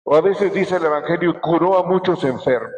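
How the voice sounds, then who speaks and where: A man delivers a bishop's sermon, leaning on key words and stretching them out. His voice sits a little high for a man. The sound carries a long reverb, as if he were preaching in a large church. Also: highs cut off. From Mexico. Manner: slow, emphatic preaching with drawn-out words. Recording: echoey church hall.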